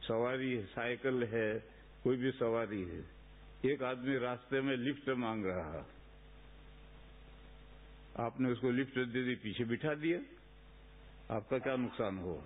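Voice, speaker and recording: Male preacher, casual sermon, quotes Arabic, phone-thin lo-fi sound, mid-pitched. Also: long pauses. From India. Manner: conversational, rhetorical questions, recites Arabic hadith. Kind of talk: sermon in a mosque. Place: mosque. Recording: tinny phone-like lo-fi recording.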